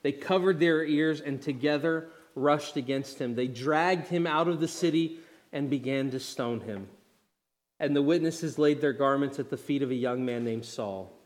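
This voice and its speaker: A male pastor preaching a sermon, earnest and direct, dropping to near-hushed lines and then rising loud and emphatic. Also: medium pitch, moderate pace.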